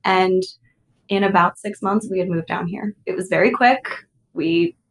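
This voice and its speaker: An American woman chatting casually as a podcast guest, with a little vocal fry and an informal way of talking. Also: mid-range voice, sing-song, moderate pace, rough recording. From Illinois, United States. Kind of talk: casual interview chat.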